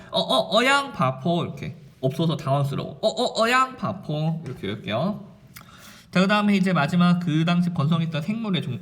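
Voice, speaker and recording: A middle-aged male high school science teacher lecturing at a whiteboard, chanting mnemonics in a rhythmic, sing-song way.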